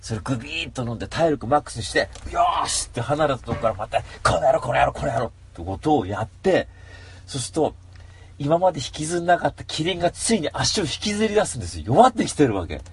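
A man telling a story in a casual solo monologue, animated and given to mock rants. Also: on the high side, fast, slight background noise.

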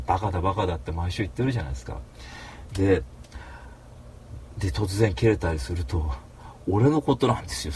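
A man hosting a talk show, telling a rambling story in rough, casual speech and flaring into mock rants. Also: low-pitched, warm tone, slight background noise. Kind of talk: casual monologue.

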